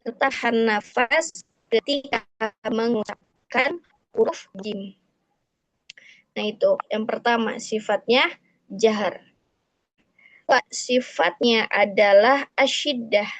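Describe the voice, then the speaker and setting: A woman teaching Quran recitation in a slow, explanatory way, repeating key points. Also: fairly high pitch, a bit bright, no room sound, low-quality recording. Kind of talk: tajwid lesson.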